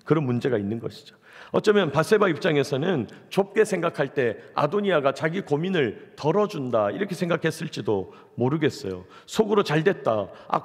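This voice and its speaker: A fairly high-voiced man delivers a sermon in a church hall with a long reverb trailing his words. He keeps turning to his listeners with rhetorical questions as he explains the scripture. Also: breathy edge. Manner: addresses the congregation with rhetorical questions. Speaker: pastor.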